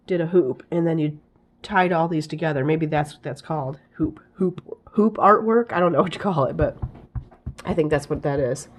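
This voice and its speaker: Woman host, hoarse with a cold, raspy and a bit low; casual rambling show-and-tell, searches for words. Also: normal speed. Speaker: vlogger showing thrift finds.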